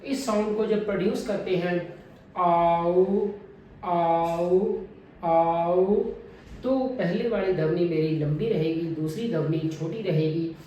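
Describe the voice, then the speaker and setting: A man teaching a phonetics lesson, deliberately modelling each vowel sound over and over. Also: sits high, warm tone, a little hiss or hum. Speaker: English pronunciation teacher. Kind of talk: phonetics lesson with drilled repetitions. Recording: very echoey room, mic at a distance.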